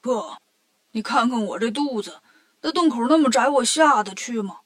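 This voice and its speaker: A woman's voice: a little high, animated, moderate pace, fairly bright tone, dry recording, clean studio sound. A woman voicing a greedy, big-bellied pig-man in a storybook reading, speaking in a whiny way.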